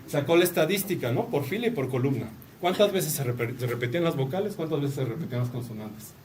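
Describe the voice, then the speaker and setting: A man's voice: fairly high pitch, darkish tone. A man with a Mexican Spanish accent gives a casual university lecture, chatty, with joking asides and a questioning "no?" tag on many of his phrases. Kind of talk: casual academic talk. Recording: distant mic with faint room noise.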